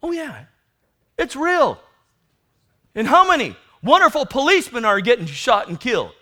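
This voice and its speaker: This American-accented preacher has a very high, sharp voice that swings hugely in pitch while keeping a normal speed. His fiery repentance sermon is urgent, admonishing and prophetic, pressing listeners with rhetorical questions and calls for amens.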